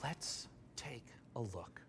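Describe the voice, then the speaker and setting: A man's voice: mid-range voice, lively intonation, slow, a bit bright, slight background noise. A man hosting a game showcase in a theatrical, playfully self-mocking scripted style. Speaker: showcase host.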